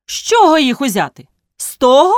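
A woman doing an animated good-hearted peasant man. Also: high-pitched, moderate pace, dry recording, clean studio sound, voice pushed up. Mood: insistent. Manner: exclaiming, animated.

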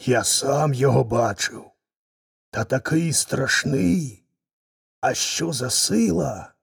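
A man voicing a humbled, frightened male lion in a folk tale reading, with a gravelly, husky voice. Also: mid-range voice, lively intonation, slow, full character voice. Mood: scared, gloomy. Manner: gloomy, whispering in fear.

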